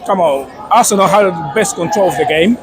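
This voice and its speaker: An excited man giving a casual post-match fan interview outdoors, emphatic and repeating his phrases. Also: high voice, a little fast. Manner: excited, buzzing. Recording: noisy outdoor street with crowd.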